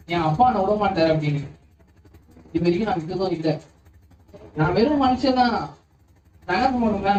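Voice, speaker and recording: A man's voice: sits high, a little mellow, roomy sound, far from the mic, muffled recording, slight background noise. A man preaching a sermon as pastor, often stopping to ask the congregation whether they understand.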